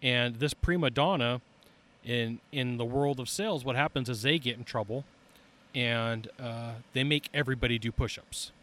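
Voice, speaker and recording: A man's voice: medium pitch, fairly bright tone. Plain-spoken male podcast host on a beach. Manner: plain-spoken, informal, addressing listeners directly. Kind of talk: conversational solo podcast monologue. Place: outdoors at a beach park near the ocean. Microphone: microphone, seated.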